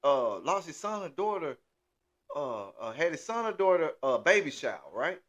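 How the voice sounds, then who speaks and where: A man's voice: a little high, sing-song, moderate pace, fairly bright tone. A man hosting a casual chat, rambling with many restarts and filler phrases. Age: 30s. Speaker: podcast host.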